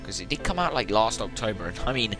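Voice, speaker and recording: A young man with a lowish, very animated voice rattles off casual, rambling commentary at a quick clip while playing a video game. He's a let's play gamer, chatty and prone to interrupting himself. Game music plays loudly behind his voice.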